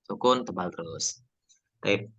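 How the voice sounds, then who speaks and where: A man teaching Quran recitation in an online class, patiently drilling letter sounds by repeating them slowly. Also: lowish voice, a bit bright, husky, muffled recording.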